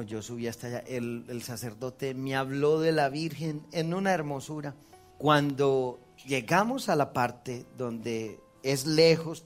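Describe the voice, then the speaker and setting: A Colombian priest with a mid-range male voice and a Colombian Spanish accent preaches his testimony to a congregation. He tells it as a story, acting out quotes and laughing at himself.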